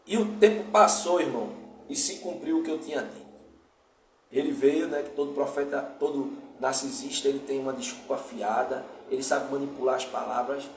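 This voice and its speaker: A man's voice: medium pitch, fairly quick, a little hiss or hum. A man preaching a sermon, speaking emphatically and calling his listeners brothers. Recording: echoey room, distant mic, faint ambience.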